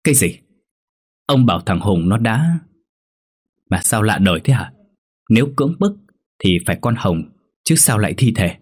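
A man's voice: on the low side, very animated, normal speed, long pauses, slightly rough. A man doing a stern, hot-tempered old landlord. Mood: alarmed. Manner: scolding, demanding.

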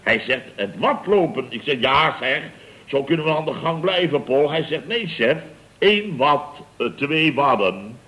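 In a dull-sounding vintage recording of a 1960s-70s Dutch radio comedy, a male actor plays a blustering, self-important building contractor boss. His mid-range, fairly bright voice is very animated and a little slow as he tells stories in a pompous, rambling, chuckling way full of exclamations, with slight background noise.

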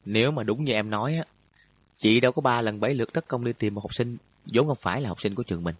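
A man voicing a sharp senior schoolgirl leader who teases playfully. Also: mid-range voice, quick pace, husky, no echo, natural voice. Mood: teasing. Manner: playful, knowing teasing.

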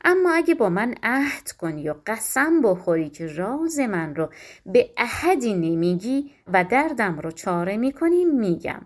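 A woman's voice: a little high, very animated. A woman voicing a young lovesick princess who pleads in a storybook tale. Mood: pleading. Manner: pleading, tearful.

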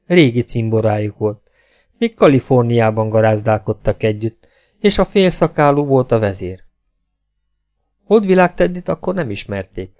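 A man narrating an audiobook with a dramatic, expressive delivery. His voice is gravelly, and his pitch rises and falls widely as he paints the scenes. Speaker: audiobook reader.

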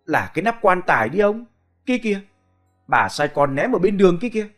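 A young servant girl answers her master calmly and politely, voiced by a male narrator. Her tone is plain and unbothered, slightly raised in pitch. Quiet music sits behind the telling. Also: moderate pace. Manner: matter-of-fact, polite. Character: young servant girl, calm and quick-tongued.

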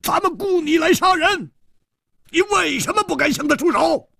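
A man voicing a furious young male sect disciple who shouts in a high, strained voice. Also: expressive, moderate pace, gravelly, no room sound, studio quality, exaggerated voice. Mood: enraged. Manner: high, loud, stamping shout.

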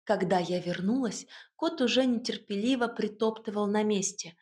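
Woman narrating a lively audiobook. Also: mid-range voice, normal speed. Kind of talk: first-person audiobook narration.

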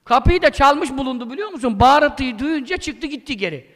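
A man's voice: very high-pitched, animated, fairly quick, fairly bright tone. A man giving an informal religious talk as a preacher, emphatic and scolding, breaking into blunt colloquial outbursts. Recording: long hall reverb.

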